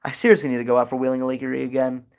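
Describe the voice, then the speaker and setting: A young man hosting a casual livestream Q&A, answering chat questions in a rambling, chatty way with lots of fillers and sudden excited bursts. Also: mid-range voice, rapid-fire.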